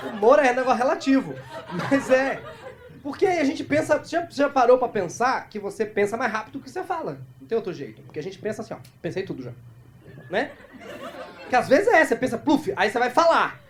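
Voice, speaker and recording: A man from Brazil doing improvised stand-up crowd work, talking fast and teasing the audience on a club stage. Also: very high voice, sing-song. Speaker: stand-up comedian. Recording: live club recording with audible crowd noise.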